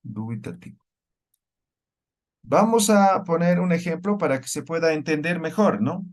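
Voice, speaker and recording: A man's voice: fairly high pitch, moderate pace. A man teaching a language class. He explains step by step and keeps checking with the students through short questions. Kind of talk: classroom lecture.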